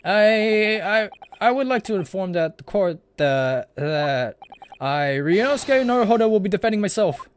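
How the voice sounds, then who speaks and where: A man's voice: sits high, sing-song, moderate pace, slight background noise, pitched above the performer's own voice. A man voicing an anxious young male defendant in a video game, earnest and hesitant. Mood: nervous, flustered.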